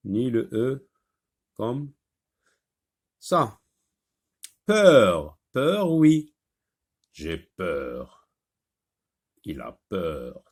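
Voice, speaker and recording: Slow, lively-voiced male French phonics teacher. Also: on the low side. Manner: slow, patient, repeats words clearly. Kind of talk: phonics lesson.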